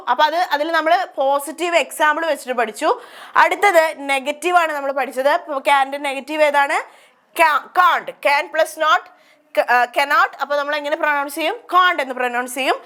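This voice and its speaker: A woman's voice: high voice, pushed and bright. A woman with a Malayali accent teaching English grammar, asking questions and answering them herself. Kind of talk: grammar lesson explained in Malayalam.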